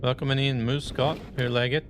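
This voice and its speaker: Over some background noise, a man chats casually while streaming a truck game. His medium-pitched voice stays fairly level and moves a little fast as he rambles along and says hello to viewers.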